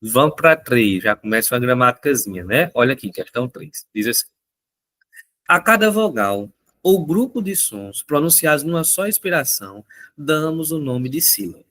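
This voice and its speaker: A man's voice: medium pitch, lively intonation, normal speed, fairly bright tone. A male teacher who talks through exam answers in a chatty way. He keeps checking in with his students and his voice rises and falls a lot. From Brazil. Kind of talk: recorded exam answer walkthrough.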